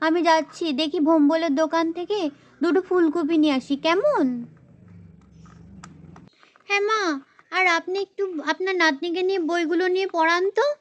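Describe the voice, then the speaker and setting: A woman doing a very high-pitched fussy village housewife. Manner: grumbling, exasperated, scolding. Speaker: doll story voice. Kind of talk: doll play storytelling.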